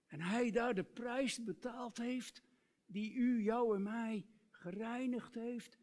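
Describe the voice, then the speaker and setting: A male preacher giving an earnest sermon, reciting hymn lyrics and dropping to soft, tender tones. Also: very high-pitched, steady tone, takes it slowly.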